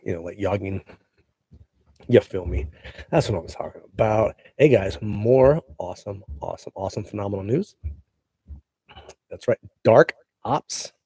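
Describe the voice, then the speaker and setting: Holding a handheld mic near his face, a man who acts and hosts his own show talks to viewers in a relaxed, slangy way, talking up his news. His mid-range voice is gravelly, husky, and somewhat dark, and the recording is dry.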